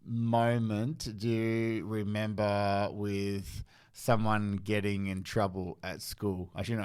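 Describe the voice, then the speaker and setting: A man's voice: medium pitch, clean tone. A man co-hosting a casual nostalgic chat, rambling and full of fillers, recorded in a library. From Tasmania, Australia. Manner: warm-hearted, rambling with fillers and restarts. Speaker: podcast co-host. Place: public library.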